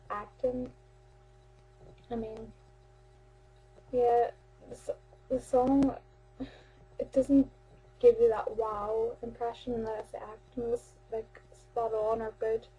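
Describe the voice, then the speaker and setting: A woman's voice: on the high side, warm tone, slight background noise, poor audio. A young Irish woman in her teens chatting casually to a webcam about amateur theatre, rambling, with many fillers and restarts. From Ireland. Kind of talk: casual vlog chat.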